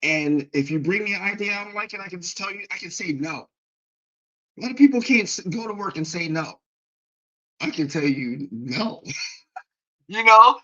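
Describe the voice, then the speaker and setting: A man on a livestream telling a story from his own life in a casual, animated way, swearing freely and restarting often. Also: sits high, moderate pace, pauses often, lo-fi sound. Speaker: guest.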